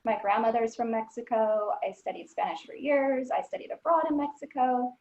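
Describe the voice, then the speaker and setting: A woman's voice: fairly high pitch, a little fast, a little mellow. A woman from Southern California, telling her career story as the guest of an alumni interview. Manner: earnest storytelling. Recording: echoey lo-fi room.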